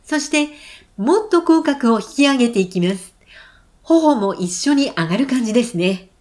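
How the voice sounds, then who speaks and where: A woman leading vocal exercises, giving calm, clear and encouraging instructions. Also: fairly high pitch, moderate pace. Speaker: voice trainer.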